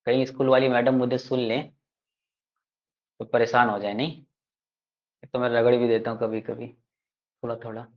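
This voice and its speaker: A man's voice: mid-range voice, level tone, moderate pace, pauses often, dull audio. A man teaching an online grammar class, playful and teasing his students as he explains. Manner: addresses students fondly as kids.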